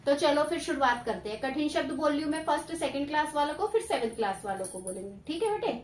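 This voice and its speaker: Woman tuition teacher, high voice, stern and coaxing, roomy echo, mic far off, faint ambience. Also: lively intonation, fast talker, slight background noise. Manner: stern, coaxing, drags out syllables when dictating. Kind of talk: classroom dictation to children.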